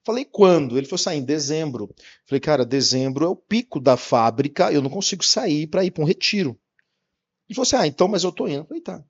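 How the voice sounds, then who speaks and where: A fast-talking man from Paraná, Brazil, tells his conversion story in an interview, slipping into quoted voices as he acts out each exchange. His voice sits a little high, and the recording has a slightly dull, lo-fi sound. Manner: lively, acts out dialogue with quoted voices, laughs often.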